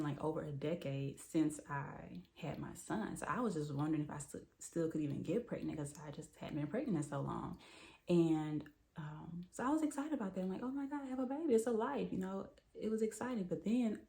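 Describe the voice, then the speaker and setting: A woman's voice: sits low, gravelly, dark tone. A woman, telling a personal story in a candid, casual way with many fillers. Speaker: storyteller vlogger.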